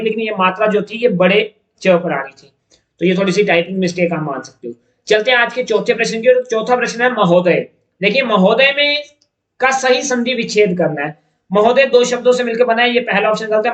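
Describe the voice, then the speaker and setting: High-voiced man teaching in an echoey room. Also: a bit bright. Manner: explains step by step, repeats key terms. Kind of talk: exam-prep lesson.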